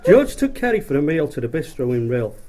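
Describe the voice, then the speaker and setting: A middle-aged man gives a rambling, jokey wedding speech in a high-pitched, lively voice. He circles back over his phrases as he goes. There is clear background noise on the recording. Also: a little fast. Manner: repeats and restarts phrases. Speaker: father of the bride giving a wedding speech.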